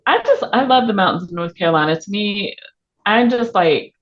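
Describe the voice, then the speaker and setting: This author guest talks casually with a book podcast, thinking aloud in an informal, slightly hesitant way. Her mid-range voice is animated and moves at normal speed, though the recording sounds muffled and band-limited.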